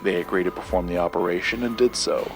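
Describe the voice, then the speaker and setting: The speaker is a man acting as a secretive collector in an audio drama, relating a dark local legend. His voice is low, measured, and deliberate, with pauses for effect and music underneath, and the mood is measured and confiding.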